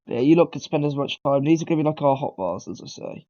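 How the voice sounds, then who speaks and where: A man talks fast in a slightly high, mellow voice with lively intonation, recorded in lo-fi sound. He has a cold and rambles casually through a coding tutorial for beginners, correcting himself and clearing his throat among many ums.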